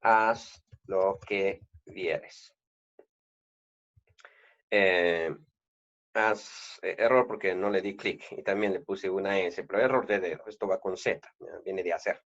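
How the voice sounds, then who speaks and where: A man with a Guatemalan accent giving a video lesson on grammar, explaining slowly with many "eh" fillers and restarts. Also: low voice, steady tone, a bit bright, highs cut off. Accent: Guatemalan Spanish. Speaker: Spanish grammar teacher.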